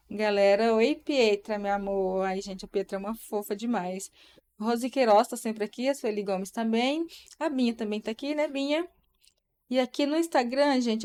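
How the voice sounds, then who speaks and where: A woman's voice: a little high, darkish tone. A young woman in casual live-stream chat, talking to viewers and checking in with tag questions.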